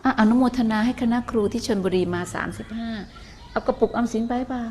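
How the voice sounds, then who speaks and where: An older woman giving a gentle, motherly dharma talk to a live audience, often asking them questions. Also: a little high, steady tone, fast talker, slight background noise. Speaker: Buddhist nun teacher.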